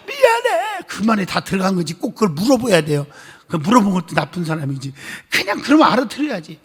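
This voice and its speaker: A male pastor preaching a sermon, telling a story with animated gusto and calling on the congregation for amens. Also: high voice, husky. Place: church sanctuary. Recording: long church hall reverb.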